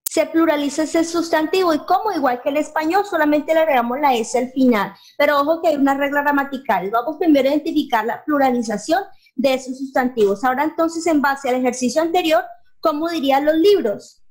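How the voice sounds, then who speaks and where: Woman, high-pitched, patient coaching teacher, echoes answers. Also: a little fast. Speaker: English teacher. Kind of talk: beginner English lesson dialogue.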